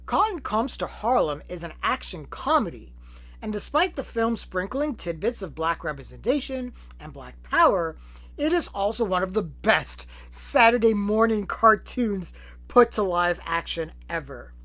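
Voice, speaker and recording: A man's voice: high-pitched, very animated, measured pace, pushed and bright. A man hosting a film retrospective, talking with sarcastic, profane jokes between clips. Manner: sarcastic, profane, joking asides. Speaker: film review host.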